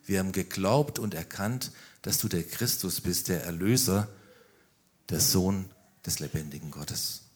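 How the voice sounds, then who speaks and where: A man preaching a sermon, telling the story with animated emphasis and rhetorical questions. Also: low voice, a little slow, husky.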